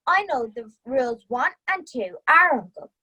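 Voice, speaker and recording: Woman doing an eager little boy wolf, high voice, animated, cheeky, expressive story reading. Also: normal speed, heavily acted, low-quality recording. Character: cheeky, eager young wolf cub, male.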